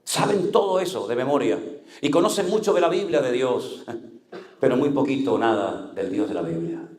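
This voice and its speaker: A man's voice: mid-range voice, expressive, normal speed, darkish tone, reverberant. A male pastor preaching an impassioned sermon, acting out the voices he quotes.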